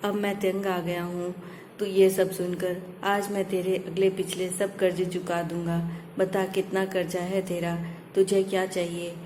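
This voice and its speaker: A woman storyteller gives voice to an impatient grown son in a spoken family tale. The delivery stays slow and level, and the tone is low and mellow. The room adds a noticeable echo. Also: level tone, natural voice. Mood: challenging. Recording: echoey room, faint background noise.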